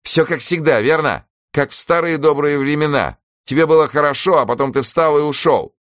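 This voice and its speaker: An insistent, clingy woman, as a male narrator puts her on, raised well above his own low voice. She pleads and presses, her lines rising and falling. The reading sounds dry and close. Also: sing-song, fairly quick, dry recording.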